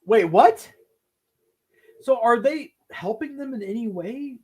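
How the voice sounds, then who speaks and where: A man's voice: very high-pitched, lively intonation, warm tone, slightly rough. A man co-hosting a casual chat, playful and joking. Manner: playful, joking, quick to laugh. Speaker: podcast co-host. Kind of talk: casual chat about film releases.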